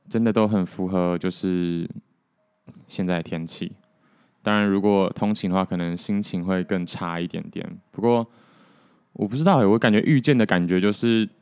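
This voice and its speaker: A young man, hosting a solo podcast in a relaxed, rambling, self-deprecating way. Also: low-pitched, smooth, no room sound, clean studio sound. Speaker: podcast host. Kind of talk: casual solo podcast chat.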